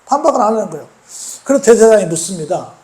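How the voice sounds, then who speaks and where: A man's voice: high voice, big pitch swings, rapid-fire, a little mellow. A man preaching a sermon as a pastor, retelling scripture, asking the congregation questions, and acting out the quoted lines. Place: church sanctuary. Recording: echoey church hall.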